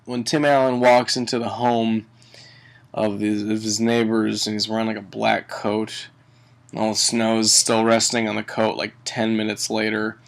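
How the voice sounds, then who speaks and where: A man giving a casual comedic movie review in a tipsy, halting ramble, swearing and often chuckling mid-sentence. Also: on the low side, little pitch movement, vocal fry. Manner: tipsy, drunken rambling delivery. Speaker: film reviewer.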